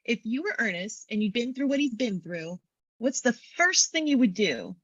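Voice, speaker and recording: A woman reading a frantic, scheming woman in an amateur script read, with a breathless, hurried manner. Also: on the high side, very animated, breathy edge, lo-fi sound.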